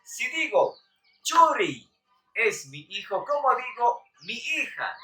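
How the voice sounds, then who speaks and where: A woman's voice: on the high side, slow pace, a little hiss or hum. Woman teaching live, echoey room. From Bolivia. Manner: lively, calls out to viewers, counts down. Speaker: Quechua teacher on a live stream. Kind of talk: live stream quiz and lesson. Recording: echoey room, far from the mic, faint music.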